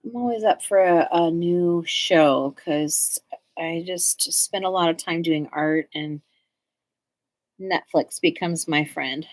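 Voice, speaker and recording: A woman's voice: on the low side, slow pace. A woman in her forties from Southern California, chatting casually and rambling as she makes art on a live stream. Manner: rambling and chatty, full of likes. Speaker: artist hosting a live stream. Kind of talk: casual chat while making art.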